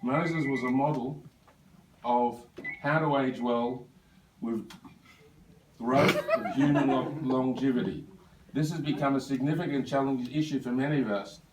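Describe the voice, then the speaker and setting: With long pauses and a somewhat slow, steady delivery, a 70-something Australian man wanders through his birthday-lunch speech, adding asides along the way. His voice sits in the mid-range. Captured from afar in a large, echoing hall, the recording carries background noise.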